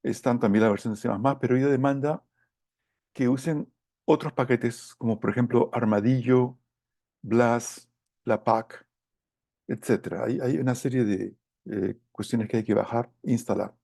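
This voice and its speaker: A middle-aged man delivers a technical lecture in a relaxed, dark-toned voice with plenty of gravelly fry. He pauses and gropes for words as he explains his slides. The sound is close and dry. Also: medium pitch, dry recording. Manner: hesitant, halting, searching for words. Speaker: course lecturer.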